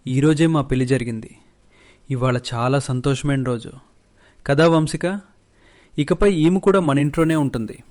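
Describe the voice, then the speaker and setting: A man voicing a spellbound village husband in a narrated storybook, speaking in an eager, hurried way. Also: medium pitch, darkish tone, lightly acted.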